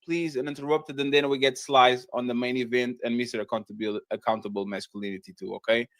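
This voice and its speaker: A man moderating a panel discussion, talking in animated, loud bursts. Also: medium pitch, fast talker, dry recording.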